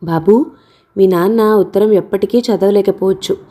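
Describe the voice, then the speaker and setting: A woman reading as a gentle young mother. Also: mid-range voice, normal speed, natural voice.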